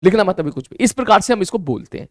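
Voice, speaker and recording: A male teacher giving an online maths lesson in a lively way, slowing down to spell out terms and answering his own questions in his students' voices. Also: high voice, dry recording, clean studio sound.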